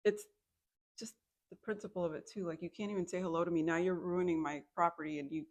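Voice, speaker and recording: A woman co-hosting a casual chat podcast, her speech slightly muffled with a light lisp from clear aligner trays. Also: lowish voice, fairly even intonation, fast talker, darkish tone, no room sound. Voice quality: chatty, wine in hand. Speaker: podcast co-host.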